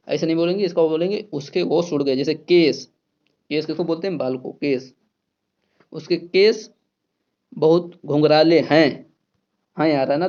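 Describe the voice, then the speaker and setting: A man with a fairly high voice teaches an exam-prep grammar lesson. He repeats key words and asks and answers his own questions. The sound is dull and lo-fi.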